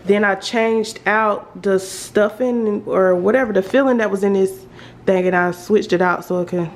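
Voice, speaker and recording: A woman's voice: medium pitch, normal speed. A woman with a Southern American accent gives a casual, rambling house tour to viewers, thinking aloud as she goes. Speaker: home makeover vlogger. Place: indoors, rooms of a house. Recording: noisy handheld home recording, household ambience. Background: clear background noise.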